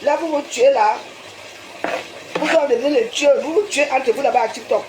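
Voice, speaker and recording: A woman with a Cameroonian French accent scolds her live-stream viewers in a high, insistent voice. She lectures with rhetorical questions and a pushy "hein?" at the end of her lines. The sound is roomy and echoey, with a faint hiss of noise behind her. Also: moderate pace.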